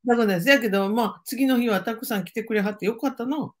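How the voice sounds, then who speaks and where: A woman's voice: a little high, fast talker. An older woman with a Kansai accent, chatting casually as the host's mother and giving easygoing, matter-of-fact advice. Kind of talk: casual chat.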